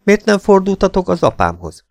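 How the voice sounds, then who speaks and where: A carefree young rich student baron speaks in a raised, lively voice, as a male reader puts him on. It is a dry, close audiobook recording. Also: fairly low pitch, no echo. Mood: breezy. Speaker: character in audiobook. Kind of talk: audiobook character reading.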